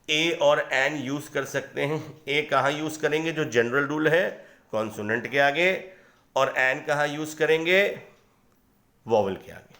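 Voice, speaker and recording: A man's voice: mid-range voice, sharp tone. A man teaching English grammar from slides, explaining step by step, asking questions and answering them himself, with an Indian accent on the English example sentences. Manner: reads English example sentences slowly and deliberately. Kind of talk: slide-based grammar lesson.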